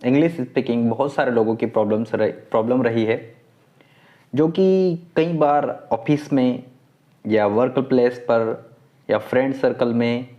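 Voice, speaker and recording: A man's voice: medium pitch, measured pace. A man giving a step-by-step spoken lesson, encouraging and repeating key words over and over. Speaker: English-speaking teacher. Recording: dull lo-fi sound.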